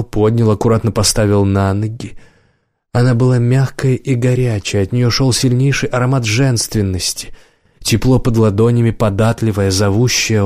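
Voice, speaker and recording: A man with a lowish voice narrates an audiobook in a measured, even storytelling style. The studio-quality recording has no room sound.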